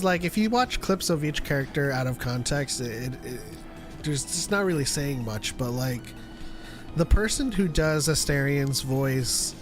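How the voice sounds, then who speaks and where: A chatty man co-hosting a live call-in stream, talking loosely and often breaking into laughter. His voice sits a little high for a man, with clear music playing behind him. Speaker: podcast co-host. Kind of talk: casual live-stream chat.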